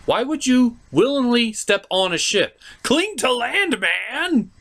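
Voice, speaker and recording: The host of an anime review show speaks slowly in a very high-pitched, fairly bright voice with big pitch swings. His scripted review commentary comes with joking asides and an emphatic, mock-exasperated attitude.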